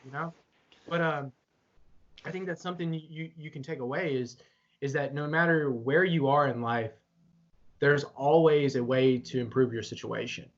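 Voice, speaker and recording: A man's voice: medium pitch, normal speed. A young man co-hosting a casual chat, talking earnestly and motivationally, with some swearing. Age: young adult. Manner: earnest, pep-talk delivery with some swearing. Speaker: podcast co-host. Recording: slightly dull lo-fi audio.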